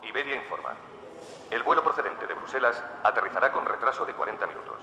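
A man's voice: medium pitch, expressive, fast talker, pushed and bright. A man giving a formal, impersonal, scripted airport announcement over a public-address system. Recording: echoey, dull PA with light noise.

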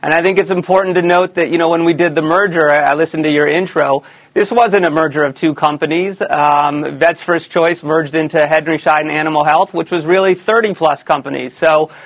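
A man who is the chief executive of a company, answering interview questions in a measured way. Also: a little high, fairly even intonation, fairly bright tone. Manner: measured, with fillers and restarts. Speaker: company CEO guest. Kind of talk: business interview.

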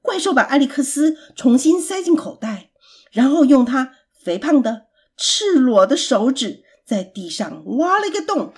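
Woman storyteller, children's story, gentle, slightly high voice, breathy, very unhurried. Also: very animated. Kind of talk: reading a children's story aloud.

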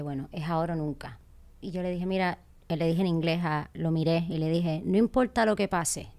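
A woman in her thirties from Puerto Rico with a Puerto Rican accent, a guest telling a story in casual chat and acting out what people said. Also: fairly low pitch. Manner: animated, laughs often, acts out quotes.

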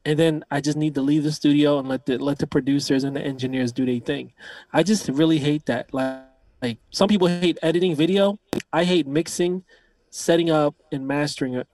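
Slangy man, a bit higher voice. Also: steady tone, a little fast, darkish tone. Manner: laid-back slangy banter. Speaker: podcast co-host. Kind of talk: casual chat.

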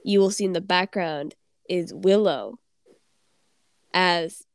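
A teenage girl co-hosts a casual podcast, her voice stuffy from a cold but still smooth and clear. She rambles and giggles through her stories, recorded close and dry. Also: on the low side, slow pace, no room sound. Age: teens. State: congested from a cold. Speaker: podcast co-host. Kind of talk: casual chat.

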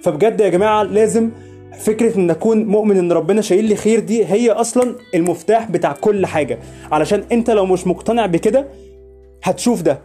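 A man's voice: high-pitched, fast talker, mellow, faint music behind. A young man with an Egyptian Arabic accent, hosting a motivational podcast in an earnest way and repeating phrases for emphasis. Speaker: podcast host.

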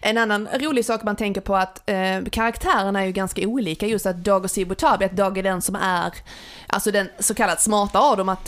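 A woman co-hosting a casual film discussion podcast, relaxed, with hesitant fillers. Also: medium pitch. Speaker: podcast co-host.

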